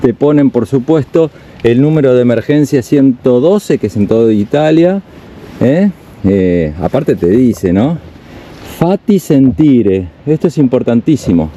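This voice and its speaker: A man's voice: mid-range voice, lively intonation, moderate pace, warm tone, highs cut off, slight background noise. An Argentine man giving casual walking commentary for a travel vlog, reading signs aloud and explaining them. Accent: Argentine Spanish. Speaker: travel vlogger. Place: outdoors in a mountain village.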